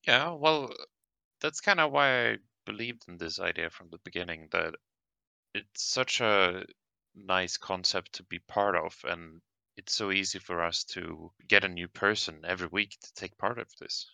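A man with a low, gravelly voice chats casually as a channel co-host, laughing easily between thoughts. His tone is very bright and forceful, and the sound is dry and close. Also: measured pace, no room sound. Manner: laughs often, easygoing. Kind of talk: casual chat.

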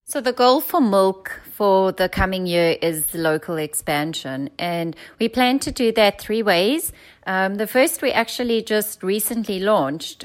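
A young South African woman speaks in a smooth, resonant voice. She talks steadily and fluently as a founder being interviewed, with only the odd um. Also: medium pitch. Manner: fluent, steady, with occasional ums. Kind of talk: pitching her business in an interview.

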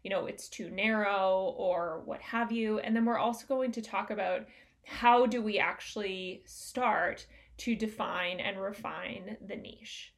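A woman's voice: mid-range voice, unhurried. A woman hosting a solo business-coaching podcast, talking in an upbeat, conversational way with plenty of fillers.

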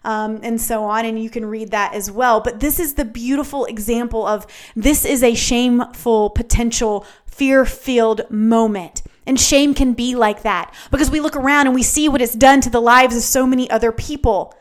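A woman's voice: fairly high pitch, normal speed, few pauses. A woman hosting a faith-based teaching podcast, speaking earnestly and repeating phrases for emphasis. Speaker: podcast host.

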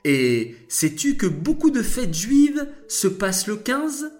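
A man voicing a kind, patient God who consoles the moon in a children's story, speaking low, slow and reassuring. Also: very animated, darkish tone, faint music behind, full character voice. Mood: explaining.

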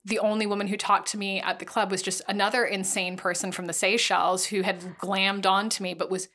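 A woman's voice: mid-range voice, level tone, brisk, a bit bright. A woman in her thirties telling candid stories in casual chat, full of "like", swearing freely and acting out quotes. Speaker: podcast guest storyteller. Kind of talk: casual chat, anecdotal storytelling.

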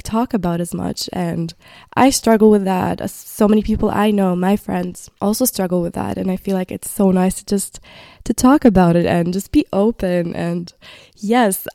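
A woman's voice: medium pitch, warm tone, no room sound, studio quality. A woman in her twenties from Palestine, hosting a casual solo podcast and rambling as she searches for words. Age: 20s. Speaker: podcast host.

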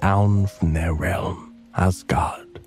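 Deep slow guy doing sleep story narration, super soothing n hushed, kinda breathy, faint music under it. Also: fairly even intonation. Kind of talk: slow guided relaxation and bedtime story narration.

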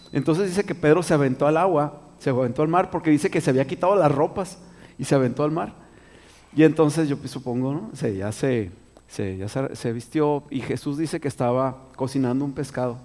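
A man's voice: on the high side, darkish tone, in a large hall. A man preaching a conversational Bible study sermon, reading verses aloud and asking the listeners questions as he goes. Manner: conversational, repeats and restarts, asks the listeners questions.

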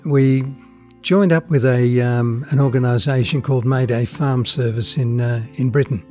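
A man's voice: medium pitch, steady tone, normal speed, darkish tone, soft background music. An older man with an Australian accent, born in the Netherlands, chatting hesitantly about his life as a climate activist with lots of ums. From born in the Netherlands, raised in Australia. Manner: chatty, hesitant with many ums, laughs at his own stories. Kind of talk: casual storytelling. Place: outdoors on a street corner.

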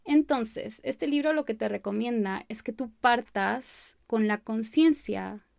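A young woman hosts a solo podcast in a fairly high voice with a gravelly edge of fry. She talks quickly, sometimes stumbles over her words and drops small laughs between thoughts. The sound is dry and close, with almost no room. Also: a little mellow, no echo. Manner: fast-talking, sometimes trips over words; light laughs between phrases. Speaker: podcast host.

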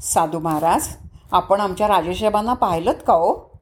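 A woman's voice: mid-range voice, moderate pace, lightly acted. A woman voicing a courteous male royal minister in a spoken children's story, addressing a holy man with polite deference. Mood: respectful.

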